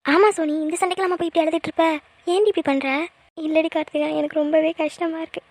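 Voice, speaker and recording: A woman's voice: very high-pitched, steady tone, quick pace. A woman voicing a tearful young female college student in a cartoon, emotional and pleading. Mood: upset. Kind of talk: cartoon voice acting.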